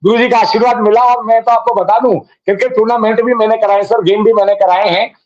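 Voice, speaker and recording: A man's voice: sits high, steady tone, quick pace, a little mellow, lo-fi sound. A middle-aged man reminiscing casually as a guest, rambling and calling the host sir again and again. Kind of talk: casual reminiscing on a live online program.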